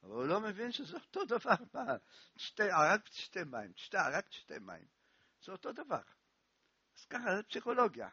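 A man giving a sermon, telling stories as a lively storyteller who repeats words for emphasis, in a dull, dry recording. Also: sits high, slightly rough, no echo. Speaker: rabbi giving a lesson.

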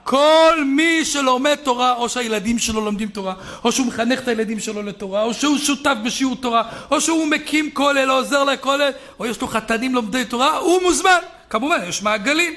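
A man preaching a sermon as a rabbi, telling stories and building up to loud shouted peaks. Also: very high-pitched, few pauses.

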